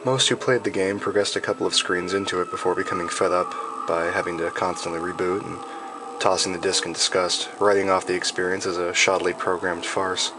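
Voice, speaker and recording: A man reading a scripted horror story in a measured, deliberate and ominous storytelling manner. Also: low voice, level tone, noisy background. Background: background music.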